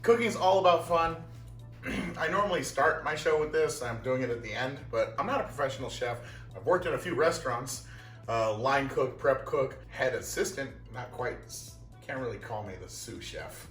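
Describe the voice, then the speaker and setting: A man's voice: medium pitch, normal speed, fairly bright tone. Chatty young male cooking host, casual and self-mocking; roomy kitchen, distant mic, music under him. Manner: self-deprecating, chatty, talks while eating. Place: home kitchen.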